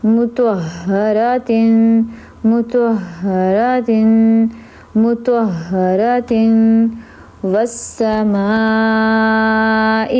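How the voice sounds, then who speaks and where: A woman teaching Quran reading who spells out letters and vowel marks, then repeats each word slowly, humming doubled letters through the nose. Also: medium pitch, mellow. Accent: Urdu. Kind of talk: slow spelled-out recitation lesson.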